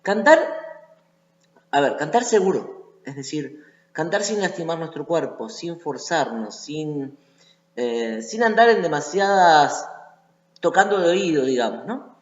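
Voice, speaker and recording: Lively high-voiced Rioplatense singing teacher. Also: male voice, a little slow. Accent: Rioplatense Spanish. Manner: explanatory, often checks in with "¿sí?". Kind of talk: online voice lesson. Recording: echoey lo-fi room recording.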